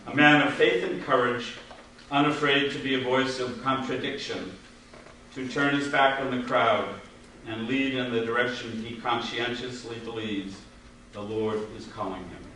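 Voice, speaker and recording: A man's mid-pitched voice comes from far off in a very reverberant room with some noise. He formally introduces a guest speaker, reading from a prepared tribute. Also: steady tone, moderate pace, pushed and bright. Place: large echoey room, far from microphone. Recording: very echoey, distant, noisy hall.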